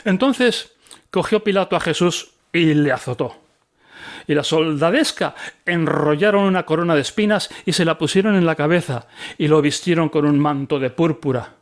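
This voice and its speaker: A man's voice: a little high, moderate pace. Man reading scripture expressively. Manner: expressive reading with occasional slips and restarts. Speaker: Bible teacher. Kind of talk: reading his book aloud with commentary.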